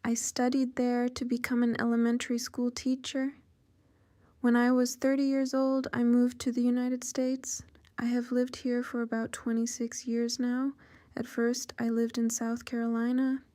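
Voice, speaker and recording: A Ukrainian-accented woman in her fifties, answering interview questions about her life in measured, careful sentences. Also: fairly high pitch, completely flat delivery, dark tone, clear, resonant tone, dry recording. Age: 50s. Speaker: interview guest. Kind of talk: oral history interview.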